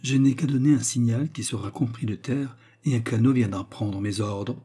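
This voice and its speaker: An earnest young baronet, lovesick and pleading, with a mellow, slightly husky low voice, as a male storyteller puts him on. He speaks with heartfelt gravity, a bit higher than the reader's plain narration. It sounds like a classic audiobook tale. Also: normal speed, lightly acted. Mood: tender.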